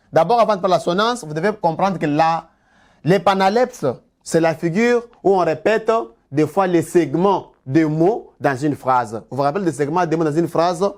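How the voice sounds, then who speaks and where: Slow, high-voiced man teaching a lesson. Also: a little mellow. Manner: slow and deliberate, repeats key words, spells out terms; asks the class rhetorical questions. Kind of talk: exam-prep lesson, dictating and explaining.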